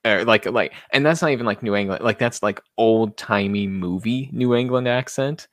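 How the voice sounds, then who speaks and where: Young male co-host, lowish voice, rambling self-mocking chat, dry sound. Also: normal speed, no room sound. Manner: rambling, self-deprecating, many restarts. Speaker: podcast co-host. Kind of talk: casual chat.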